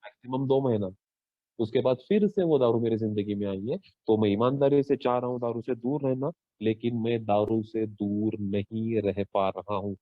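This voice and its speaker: A man's voice: moderate pace, no room sound. A man, sharing his own story at a Twelve Step workshop, earnest and full of rhetorical questions, slipping into English phrases. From India. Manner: rhetorical questions, lively pitch swings. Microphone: online call. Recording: dull lo-fi online call audio.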